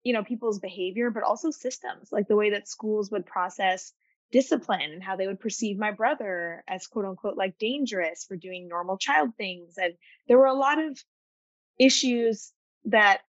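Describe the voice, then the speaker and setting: Woman from Arkansas, young, thoughtful, measured, dry close sound, slightly dull. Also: medium pitch, no room sound. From Arkansas, United States. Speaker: guest designer. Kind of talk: reflective interview answers. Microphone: video call. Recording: dry, slightly dull video-call audio.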